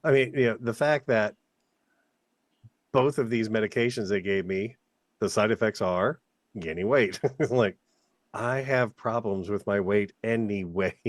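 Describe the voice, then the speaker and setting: Joking man, lowish dry voice. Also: a little slow, long pauses, no echo. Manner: self-deprecating, joking, sweary, rambling. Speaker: podcast co-host. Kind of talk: casual chat.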